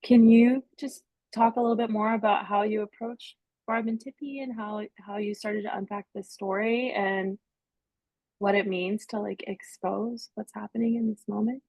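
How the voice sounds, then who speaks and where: A woman's voice: mid-range voice, steady tone, normal speed, a little mellow, no room sound, poor audio. A woman moderating a film Q&A panel, introducing guests and asking questions in an encouraging way.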